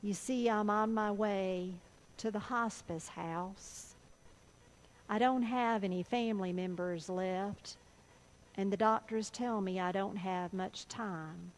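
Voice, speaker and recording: A woman preacher voicing a frail, dying elderly woman who speaks slowly and softly. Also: mid-range voice, steady tone, lightly acted, rough recording. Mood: wistful.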